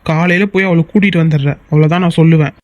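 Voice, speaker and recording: A man voicing a fast, high young peacemaker. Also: fairly even intonation, dull audio, close to an everyday voice. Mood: pleading. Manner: pleading, reasoning. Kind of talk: Tamil cartoon voice acting.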